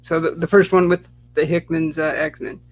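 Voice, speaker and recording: A man's voice: a little high, flat delivery, normal speed, highs cut off, slight background noise. A man co-hosting a casual comic book podcast, talking in a rambling, hesitant way. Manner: rambling, hesitant, full of fillers. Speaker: podcast co-host. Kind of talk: casual chat.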